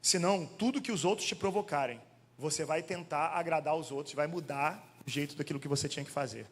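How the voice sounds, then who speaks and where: A male pastor preaching a sermon in an animated, conversational way, firing questions at the congregation. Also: a little high, a little fast. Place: church hall. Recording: long church hall reverb.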